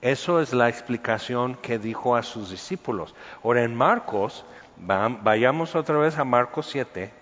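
A man's voice: mid-range voice, lively intonation, measured pace, a bit bright, big-room sound, highs cut off. A man giving an informal, conversational Bible teaching with humor. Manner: conversational, acts out voices with humor. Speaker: preacher.

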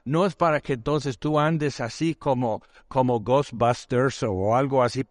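A man's voice: mid-range voice, measured pace, dry recording, clean studio sound. Man preaching a conversational sermon. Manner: conversational, rhetorical questions, acts out voices. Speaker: pastor.

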